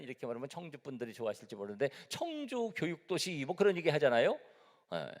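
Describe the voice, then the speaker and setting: Middle-aged pastor guy from seoul, preaching in a church, swoopy lively voice, echoey hall. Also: mid-range voice. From Seoul, South Korea. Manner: conversational preaching, asks the congregation questions. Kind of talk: sermon. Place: church sanctuary.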